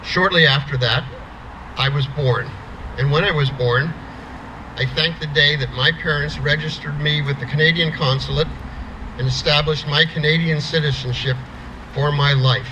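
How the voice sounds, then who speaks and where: A man's voice: a little high, steady tone, normal speed, noisy background. A middle-aged man from the United States telling a plainspoken story at an outdoor rally, restarting words as he goes. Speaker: rally speaker.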